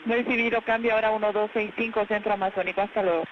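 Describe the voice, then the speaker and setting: A man speaks as an air traffic controller over the radio. His voice is high and he talks very fast, clipped and brisk. The radio sound is muffled and dull, with a faint hiss of static behind it. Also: fairly even intonation. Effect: air traffic radio transmission.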